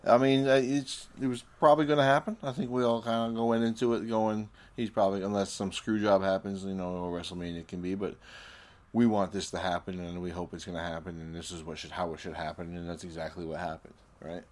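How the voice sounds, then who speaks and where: A man's voice: deep voice, little pitch movement, brisk. A man co-hosting a podcast in casual chat, laid-back but emphatic, acting out moments he watched. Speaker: podcast co-host.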